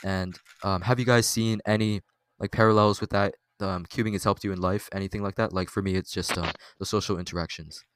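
Teenage boy, podcast host, halting speech, smooth resonant tone, dry close sound. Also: deep voice, fairly even intonation, fairly bright tone, dry recording. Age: teens. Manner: halting, many fillers and restarts. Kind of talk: casual podcast chat.

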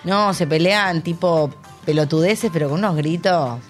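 A woman's voice: fairly low pitch, moderate pace, soft background music. A young adult woman with a Rioplatense Spanish accent, co-hosting a casual radio chat, frank and laughing as she tells stories. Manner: frank, laughing, chatty storyteller. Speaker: radio show co-host.

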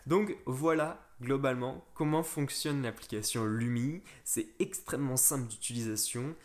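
A man's voice: mid-range voice, moderate pace. Man walking through a phone app. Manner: step-by-step, fillers and restarts, addresses viewers directly. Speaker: crypto tutorial host. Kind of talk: casual screen-recorded app tutorial.

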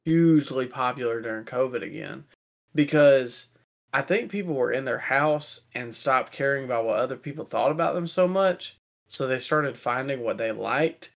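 A young man co-hosting a wrestling podcast in casual chat, relaxed and chatty, laughing now and then. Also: medium pitch, normal speed, vocal fry. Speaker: podcast co-host.

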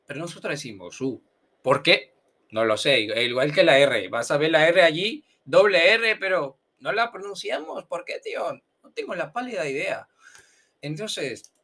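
A man from Brazil with a Brazilian Portuguese accent, a native Portuguese speaker, giving a casual podcast lesson. He talks slowly, repeats example words and adds playful asides. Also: fairly high pitch, fairly bright tone. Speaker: language teacher.

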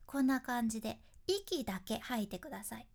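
A woman, a speaking coach explaining voice tips in a friendly, lively teaching tone. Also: fairly high pitch, brisk, creaky. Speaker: speaking coach, freelance announcer. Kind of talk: instructional talk to camera.

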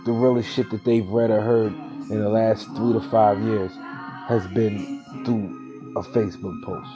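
Unhurried and fairly low-pitched, with little movement in his pitch, the motivational talk host speaks earnestly in casual, slang-filled language laced with cursing. He pushes listeners to keep growing and stay focused, over a dull lo-fi recording with faint background music.

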